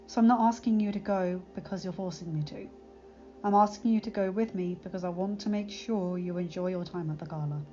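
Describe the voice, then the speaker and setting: A woman voicing an earnest young male pony guard who speaks in a gentle, reassuring way, in a slightly dull recording with faint music. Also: lowish voice, steady tone, brisk, natural voice.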